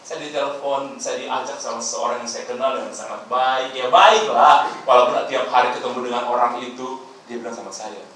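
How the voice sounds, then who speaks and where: A man preaching a sermon as pastor, animated and playful, jumping between loud bursts and quiet asides. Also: medium pitch, normal speed, a little hiss or hum. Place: large church hall. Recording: echoey church hall, mic far off.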